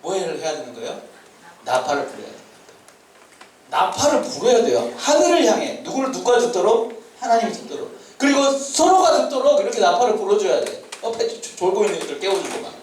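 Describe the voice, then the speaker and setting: A man preaches to a youth group, his voice rising and falling widely as he shouts calls and laughs between his points. He sounds a bit high for a man. The recording is from far off in a very echoey church hall, with faint ambience behind him. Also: sing-song, fast talker, a little hiss or hum. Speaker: youth pastor. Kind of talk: sermon to high schoolers.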